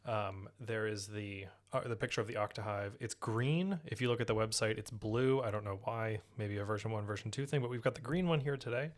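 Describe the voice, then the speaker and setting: A man's voice: fairly low pitch, a little fast, few pauses. A man hosting a live stream, talking casually through a guitar pedal demo with loose, rambling explanations and self-corrections. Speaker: podcast host demoing guitar gear on a live stream.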